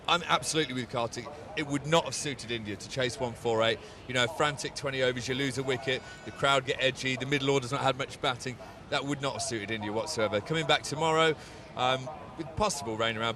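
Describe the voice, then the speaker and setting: An English cricket pundit offers wry, self-mocking analysis on a joking panel at a ground, with a crowd audible behind him. His medium-pitched voice runs fast with hardly any pauses.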